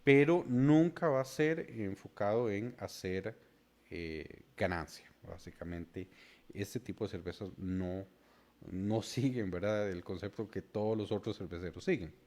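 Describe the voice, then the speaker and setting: A Costa Rican man hosting a beer show, explaining brewing history in a halting way full of filler sounds. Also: fairly low pitch, a little mellow. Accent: Costa Rican Spanish. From Costa Rica. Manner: hesitant, many filler sounds.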